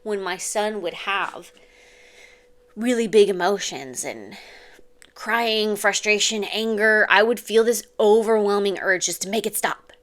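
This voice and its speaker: A woman's voice: medium pitch, a little slow, a bit bright. Earnest woman parenting coach talking to camera. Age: adult mother. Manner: earnest, confiding, uses "like" and "okay?". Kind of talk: direct-to-camera advice talk.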